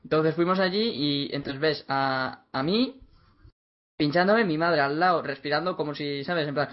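Young man, rambling casual storyteller, slightly high voice, dull lo-fi recording. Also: moderate pace. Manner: rambling storyteller, lots of fillers. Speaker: podcast co-host. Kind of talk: casual chat. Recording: dull lo-fi audio.

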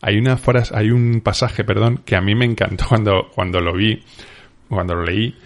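A man's voice: fairly low pitch, steady tone, normal speed. A man with a Spain Spanish accent hosting a casual book podcast, rambling and correcting himself as he talks. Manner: rambling, self-correcting, informal. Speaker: podcast host.

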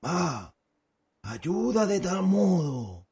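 A slow gloomy old village elder. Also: male voice, sits high, sing-song, a little mellow, exaggerated voice. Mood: folksy. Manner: slow rustic dialect speech. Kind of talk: audiobook radio drama acting.

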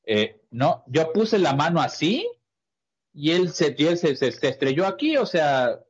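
A man putting on a cheeky six-year-old cartoon girl, pitched up, denying everything in a quick, slightly husky rush over a dull, low-fidelity recording. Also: sing-song, full character voice. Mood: defiant. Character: mischievous little girl, about six, playing innocent. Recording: dull lo-fi sound.

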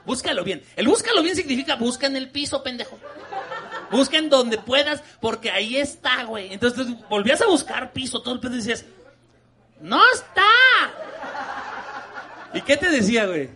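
A man's voice: extremely high pitch, animated, fast, a bit bright. A young man with a Mexican Spanish accent, performing a stand-up comedy set in slangy, crude language and laughing as he tells stories. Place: comedy venue with a live audience. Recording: live audience laughter behind him.

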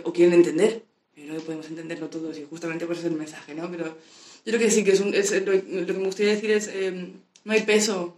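A woman's voice: fairly low pitch, a little mellow. A woman from muses thoughtfully as a guest, letting her sentences drift off unfinished. Her voice carries a noticeable echo, as if she is recorded in a bare room. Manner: reflective, trailing off. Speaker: musician guest. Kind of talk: casual interview chat. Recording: roomy echo.

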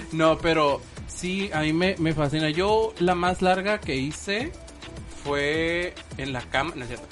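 A man's voice: a little high, slow pace, fairly bright tone, faint music behind. A man joking and laughing in casual podcast chat. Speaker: podcast co-host.

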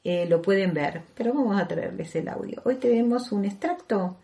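A woman's voice: medium pitch, animated, moderate pace, mellow. A woman hosting a radio program, chatting casually and hesitantly with many fillers. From Argentina. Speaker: radio host.

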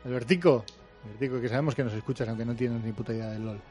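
A man's voice: mid-range voice, racing, faint music behind. A man with a Basque Spanish accent, co-hosting a gaming podcast in casual, joking chat. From Basque Country, Spain. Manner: relaxed, joking, laughs often. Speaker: podcast co-host.

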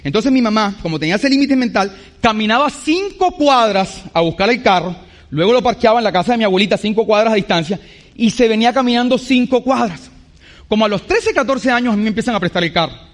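A man's voice: high-pitched, expressive, quick pace. A man preaching a sermon, emphatic, acting out what other people say.

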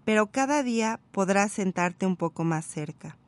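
A woman voicing a wistful, patient male fox, explaining calmly while reading a story aloud. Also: medium pitch, normal speed, lightly acted.

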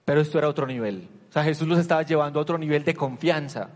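A man preaching a conversational sermon to a congregation, animated and full of rhetorical questions. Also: on the high side, rapid-fire. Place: church hall with a congregation. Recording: long hall reverb.

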